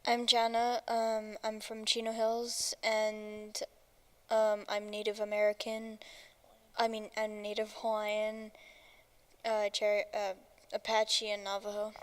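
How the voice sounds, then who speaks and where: A woman's voice: medium pitch, completely flat delivery, slow pace. A workshop participant, a woman, introducing herself hesitantly and correcting herself.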